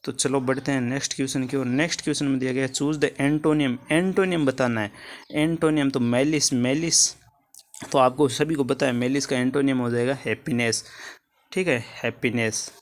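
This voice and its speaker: A man's voice: mid-range voice, fairly even intonation, normal speed. A man teaching English grammar for an exam in Hindi, going through answers step by step, repeating key words and checking in with his students.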